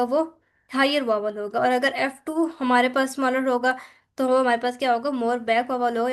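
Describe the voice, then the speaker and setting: A woman with a Pakistani accent teaching a phonetics lesson, walking through slides, often pausing to check and drawing out examples slowly. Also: high-pitched. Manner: mixes Hindi-Urdu with English terms, repeats "ठीक है", slows to spell out examples. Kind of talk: lecture explaining slides.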